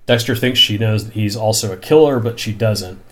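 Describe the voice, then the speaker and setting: Man, lowish voice, casual podcast chat, plot recap, incredulous, long run-on stretches. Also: moderate pace. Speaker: podcast host recapping a TV episode.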